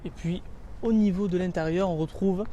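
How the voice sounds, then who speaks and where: The highs are cut off in this clip of a car reviewer with a fairly high voice, talking at a normal speed. On a relaxed walkaround he chats through the car's features one by one, joining them with frequent "donc"s and "euh"s and eagerly stressing what he likes.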